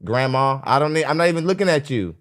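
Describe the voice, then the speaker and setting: A man's voice: medium pitch, expressive, quick pace, fairly bright tone. A man hosting a podcast, giving live reaction commentary in a blunt, mocking, preachy way. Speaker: podcast host. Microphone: studio microphone.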